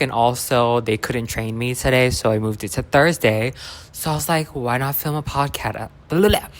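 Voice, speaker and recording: A young adult woman hosting a casual, chatty podcast at home, rambling and interrupting herself with lots of slang in an echoey room. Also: very deep voice. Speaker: podcast host. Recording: echoey, sparsely furnished room.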